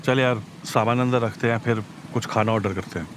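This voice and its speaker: A man's voice: medium pitch, steady tone, a little fast, background noise, lightly acted. A man voicing a brash young man who brushes off his friend's fears in a horror audio drama. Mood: dismissive. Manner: brushing off worries, casual, teasing.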